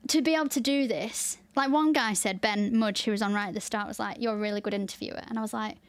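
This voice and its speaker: Tired after a 24-hour stream, a woman with a Lancashire accent hosts a podcast, chatting openly and laughing easily. Her voice is mid-range and fast, and the recording is dry.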